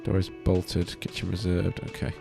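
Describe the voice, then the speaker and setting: A man's voice: low voice, monotone, moderate pace, gravelly. A man casually playing a video game, reading his dialogue choices aloud with a playful, joking manner. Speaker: gameplay streamer. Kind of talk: casual let's-play commentary. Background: game music.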